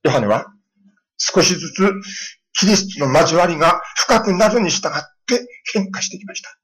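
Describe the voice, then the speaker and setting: A middle-aged male pastor preaching a sermon, telling stories and acting out children's lines in a lively way. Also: high-pitched, moderate pace, breathy edge, rough recording. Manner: storytelling with lively voiced quotes of children.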